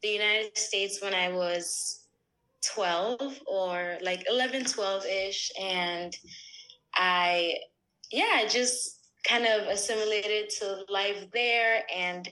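Bright, slow-talking woman in her twenties. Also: mid-range voice, low-quality recording. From Ghana. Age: 20s. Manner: relaxed, easygoing, with fillers and laughs. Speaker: podcast guest. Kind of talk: casual interview talk.

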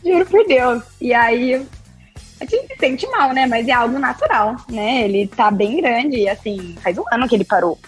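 A woman, a podcast guest telling her story in an expressive, chatty way with lots of tag questions. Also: on the high side, normal speed, husky, faint music behind. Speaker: podcast guest, breastfeeding consultant. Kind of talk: casual interview chat.

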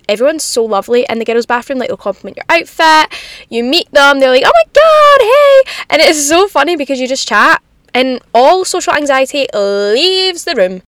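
A young woman chats casually and confidingly as a solo podcast host, in animated girly slang, from inside a parked car in the rain. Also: high-pitched, no echo. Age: young adult.

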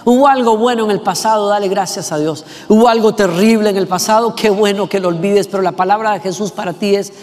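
A man preaching a sermon with passion, asking rhetorical questions and slowing down to stress words. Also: high-pitched, darkish tone. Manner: impassioned, rhetorical questions, slows for emphasis. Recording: long reverb with faint music.

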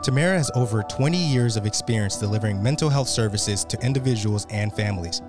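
A man hosting a podcast, reading the intro and then asking relaxed, conversational questions with fillers. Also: on the low side, fast talker, over music. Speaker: podcast host.

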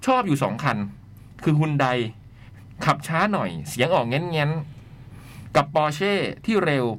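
A man's voice: fairly high pitch, expressive, slow, a bit bright. A man hosting a radio talk show, reading a listener's letter with playful asides. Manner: playful, chatty, reads letters aloud with asides. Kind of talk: casual studio chat and reading listener letters.

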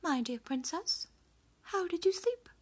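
A woman voicing a regal older queen, sly and knowing, in a soft, high whisper for an ASMR story. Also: expressive, unhurried. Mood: sly sweetness.

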